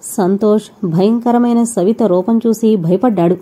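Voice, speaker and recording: A woman narrates an audio novel with scripted, steady delivery. Her voice is very dark and mellow. She tells the story evenly and calmly. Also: mid-range voice, a little slow, slightly rough.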